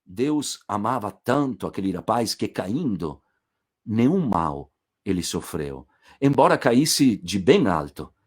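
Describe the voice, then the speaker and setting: A man casually retelling a classic tale aloud, animated and playful. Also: on the low side, takes it slowly, breathy edge. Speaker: storyteller.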